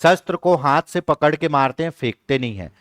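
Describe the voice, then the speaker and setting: A man teaching an online exam-prep class, explaining step by step and slowly repeating key words aloud. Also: a little high, animated, fairly bright tone, dry recording, studio quality. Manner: explains step by step, often asking "ठीक है?".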